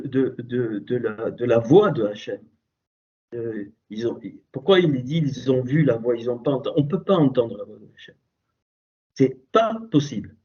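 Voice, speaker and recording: Male Torah teacher, slightly raised pitch, emphatic, muffled call audio. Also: dark tone. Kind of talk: spoken religious teaching over a call. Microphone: computer call microphone.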